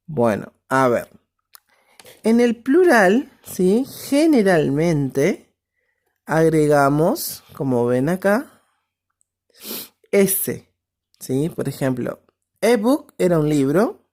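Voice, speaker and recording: Slow, low-voiced woman teacher. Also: a little mellow. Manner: explains step by step, often checks with "¿sí?". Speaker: English teacher. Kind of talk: recorded online class.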